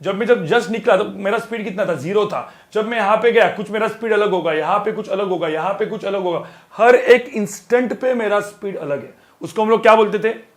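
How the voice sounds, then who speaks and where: A high-voiced male physics teacher lecturing a class. He keeps asking the students questions and slowly repeats each formula so it sticks.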